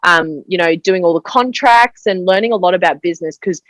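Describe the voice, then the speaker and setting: Young woman, low-pitched, dry close sound, chatty interview guest. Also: fairly quick, a bit bright, dry recording, poor audio. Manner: chatty storyteller, fills speech with 'like'. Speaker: podcast guest. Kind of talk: casual interview chat.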